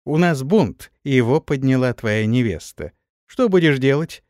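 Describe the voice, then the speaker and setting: Bossy warrior lady, loud and threatening, male narrator doing her, swings her voice up and down. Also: medium pitch, lively intonation, normal speed, no echo, clean studio sound, natural voice. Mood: menacing. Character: stern commanding female warrior mistress.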